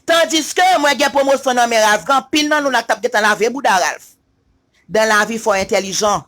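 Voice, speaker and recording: A Haitian-accented man holds forth in an emphatic, repetitive online rant. His voice sits very high and sounds bright and sharp. Now and then he chants his points in a sing-song way. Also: normal speed. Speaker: social media commentator. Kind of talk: opinion rant to camera.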